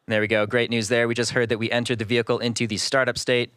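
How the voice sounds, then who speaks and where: A man's voice: mid-range voice, flat delivery, quick pace, fairly bright tone, clean tone, dry recording, studio quality. A man hosting a live launch webcast with composed, informative, explanatory commentary.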